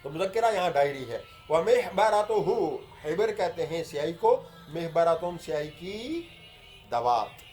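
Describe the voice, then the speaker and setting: A man's voice: fairly high pitch, animated, a little mellow, soft background music. A man teaching an Arabic grammar lesson, reading each phrase aloud and then explaining and repeating it. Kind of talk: lesson explaining a text line by line.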